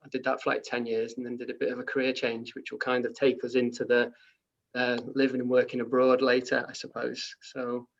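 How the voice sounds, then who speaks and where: Welsh man, 30s, gravelly, relaxed guest on a dull lo-fi video call. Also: medium pitch, a little fast. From Wales. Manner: relaxed, many ums, trails off quietly. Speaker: guest speaker. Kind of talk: casual video-call chat.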